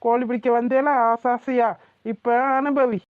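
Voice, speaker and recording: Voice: mid-range voice, fairly even intonation, measured pace, no echo, natural voice. A voice actor playing a gloating village companion in a cartoon, taunting his friend. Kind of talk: cartoon voice acting. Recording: thin phone-like sound.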